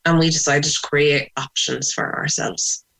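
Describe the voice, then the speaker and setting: A woman's voice: low voice, flat delivery, a little slow, fairly bright tone. Woman with a west of Ireland accent. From Sligo, west of Ireland. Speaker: interviewee. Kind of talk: personal interview, recounting memories.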